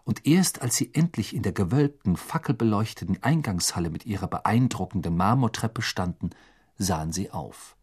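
Man narrating an audiobook with lively pitch. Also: normal speed, husky. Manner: lively, dramatic storytelling. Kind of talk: expressive scripted narration.

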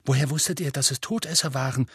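A man plays an eager teenage schoolboy wizard, full of curious questions. The slightly husky voice sits dry and close to the mic. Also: mid-range voice, fast, fairly bright tone, dry recording, voice pushed up.

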